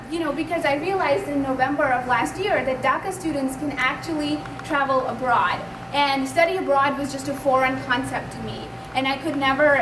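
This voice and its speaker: A young woman in her twenties, from Pakistan, speaks with a bright, high voice, sharing her own story in an earnest, chatty way. She is caught from some distance in a roomy hall that echoes, with steady noise behind her. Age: 20s. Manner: earnest, conversational, speaks up loudly. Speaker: invited speaker at a community event. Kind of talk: personal testimony speech. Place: community hall. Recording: echoey room, distant mic, background noise.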